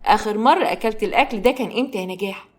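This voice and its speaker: A woman's voice: mid-range voice, rapid-fire, close to an everyday voice. A woman with an Egyptian accent voicing a bossy older aunt who scolds and mocks. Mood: scolding. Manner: scolding and sarcastic.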